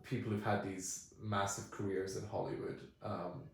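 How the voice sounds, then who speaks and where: Chatty man in an echoey room. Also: fairly low pitch. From United Kingdom. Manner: animated storytelling, quick asides. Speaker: podcast co-host. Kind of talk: casual film chat.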